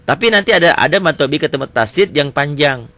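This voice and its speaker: A man teaching Quran recitation rules one-on-one, quizzing his student with quick repeated questions. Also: fairly high pitch, expressive, sharp tone, no echo. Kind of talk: one-on-one tajwid lesson.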